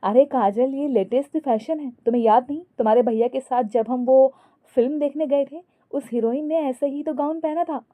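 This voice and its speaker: A woman's voice: high voice, normal speed, mellow, pitched above the performer's own voice, natural voice. A woman voicing a bossy fashion-mad young wife. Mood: insistent. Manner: insistent, dramatic.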